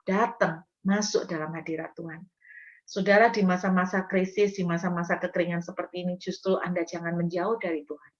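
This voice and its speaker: A woman preaching a sermon, speaking earnestly and straight to her congregation, with loud emphatic words and softer asides. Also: on the low side, steady tone, a little fast, highs cut off.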